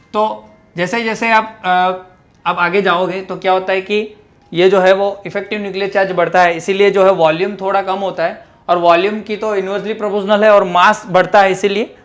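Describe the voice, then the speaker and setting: A man with a notably high-pitched voice teaches a chemistry class. He works through each point step by step, mixing technical into his speech and pausing often to ask whether the students understand. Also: fairly bright tone. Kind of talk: classroom lecture.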